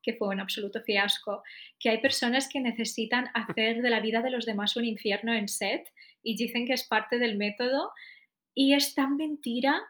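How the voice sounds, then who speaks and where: A woman with a Spain Spanish accent chats on a podcast. She is opinionated and keeps a loose conversational flow, tossing in tag questions and trailing off mid-thought. Her voice sits a bit above average pitch. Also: moderate pace, fairly bright tone. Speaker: podcast co-host. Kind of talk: casual chat.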